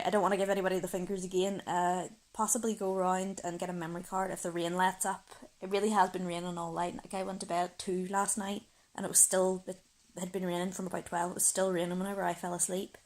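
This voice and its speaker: A young woman with a Northern Irish accent, croaky from just waking up, rambling casually to her camera in her bedroom and laughing often. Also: medium pitch, level tone, a little fast, darkish tone. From Northern Ireland. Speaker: vlogger. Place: bedroom, indoors, rain outside. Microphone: camera set on a shelf.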